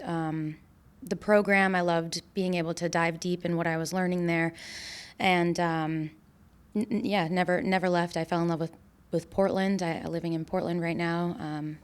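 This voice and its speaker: A woman's voice: on the low side, clear, resonant tone. A woman in her twenties, a podcast guest who talks reflectively, with frequent fillers and restarts. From New Hampshire, USA. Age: 20s. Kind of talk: casual interview chat.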